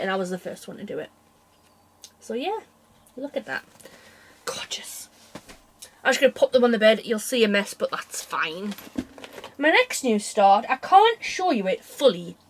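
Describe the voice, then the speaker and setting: A woman chatting casually to camera as a craft vlogger, rambling along with frequent self-interrupting asides. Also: fairly high pitch. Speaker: cross-stitch vlogger.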